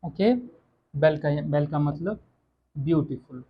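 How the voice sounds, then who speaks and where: Teacher slowly spelling out French sounds. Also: medium pitch, husky, dull audio. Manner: slow, repeats words, says "okay" often. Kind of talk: online language lesson.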